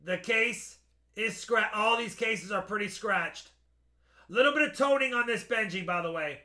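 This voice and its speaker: A man hosting a casual live-stream auction, pitching items to buyers and repeating the details as he goes. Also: moderate pace, pushed and bright. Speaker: host selling coins by live auction.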